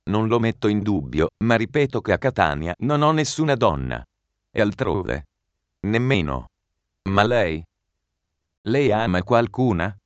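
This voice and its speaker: A man's voice: lowish voice, big pitch swings, measured pace, dry recording. A man reading a tormented lovesick young man. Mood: guarded. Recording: dry, muffled recording.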